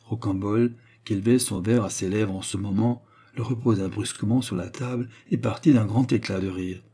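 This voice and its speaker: Brief: male narrator, low pitched, measured dramatic novel reading. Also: fairly even intonation, warm tone, slightly rough. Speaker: audiobook narrator.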